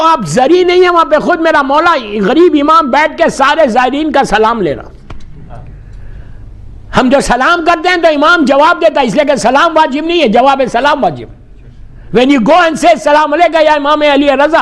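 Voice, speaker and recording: A man's voice: very high voice, a bit bright. A middle-aged male religious scholar preaching a mourning-gathering sermon from the pulpit. He tells a story, speaks straight to the audience as friends and mixes English phrases into his speech. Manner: addresses the audience directly as friends.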